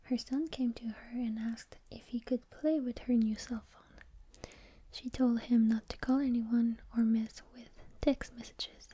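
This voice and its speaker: Woman whispering asmr, super soft n mellow, breathy, reading stories and chatting casually, no rush. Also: fairly high pitch, poor audio.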